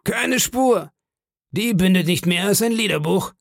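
A cunning older pirate chief snarls and mocks his men in a raised, gravelly voice, as a male reader puts him on. The sound is dry and close, with no room around it. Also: high voice, animated, unhurried, dry recording, pitched above the performer's own voice, full character voice. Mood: mocking. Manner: scornful, threatening.

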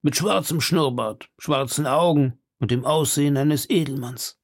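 A man voicing an old male witness who speaks slowly and haltingly in a raised, gravelly voice. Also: fairly high pitch. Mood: hesitant. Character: frail old man, slow-spoken witness.

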